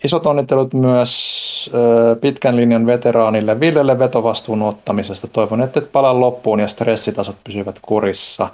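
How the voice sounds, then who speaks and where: A young man co-hosting a casual podcast chat, relaxed, at times reading a poem aloud slowly. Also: mid-range voice. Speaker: podcast co-host.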